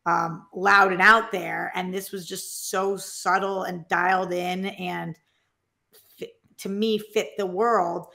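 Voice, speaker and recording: A woman's voice: on the low side, little pitch movement, slow, creaky, bright, forceful tone. A woman co-hosting a movie podcast, chatting enthusiastically and rambling through her opinions. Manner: enthusiastic, rambling, trails off mid-thought. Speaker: podcast co-host. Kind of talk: casual movie chat.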